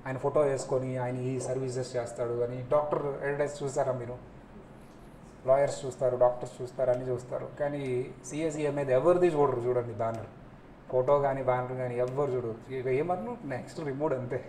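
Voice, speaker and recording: A man's voice: mid-range voice, a little fast. A man teaching a class, quizzing his students and acting out little scenes as he goes. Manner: lively, asks students questions, acts out scolding scenes. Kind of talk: classroom lecture. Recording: echoey room, faint noise.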